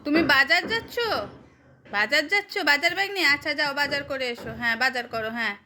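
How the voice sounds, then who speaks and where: A woman's voice: sits high, lively intonation, fast talker, bright, forceful tone. A woman filming at home, talking playfully and coaxingly to a small child. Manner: coaxing, sing-song talk to a small child. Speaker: vlogger filming her child.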